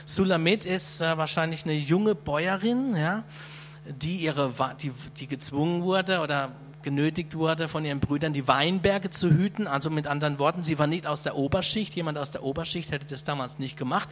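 A man's voice: a little high, moderate pace, a little hiss or hum. A man preaching a sermon in a conversational way, often checking in with his listeners. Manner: conversational, with frequent "ja?" to the audience.

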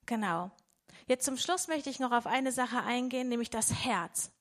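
A woman's voice: fairly high pitch, normal speed, fairly bright tone. A woman preaching a devotional sermon in a conversational way, often checking in with her listeners.

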